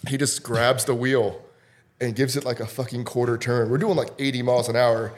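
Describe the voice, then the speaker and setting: A man's voice: medium pitch, steady tone, brisk. A young man from Florida, a podcast guest, telling casual stories and swearing freely. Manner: laid-back storyteller, swears freely. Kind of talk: casual chat.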